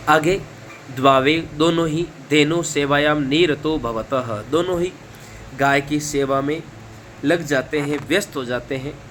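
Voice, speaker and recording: A man's voice: on the high side, measured pace, a bit bright, a little hiss or hum. A man teaching a lesson, reading each phrase and then explaining it line by line. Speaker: Sanskrit teacher.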